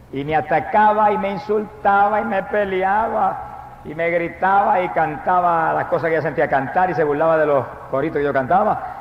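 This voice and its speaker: Fervent high-voiced man preaching in echoey hall. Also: a little hiss or hum. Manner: fervent, bursts into loud praise. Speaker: preacher giving a testimony. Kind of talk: testimony sermon. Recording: echoey, dull lo-fi hall recording.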